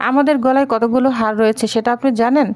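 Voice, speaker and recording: A woman voicing a bold young daughter-in-law who answers back with calm, cutting retorts. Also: fairly high pitch, fast, close to an everyday voice. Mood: cool, defiant.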